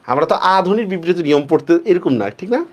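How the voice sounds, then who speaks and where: A man teaching a class, who slows down to stress each rule and keeps asking his students whether they follow. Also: high voice, expressive. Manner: asks students frequent check-questions; stretches words slowly when stressing rules. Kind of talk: online class lecture.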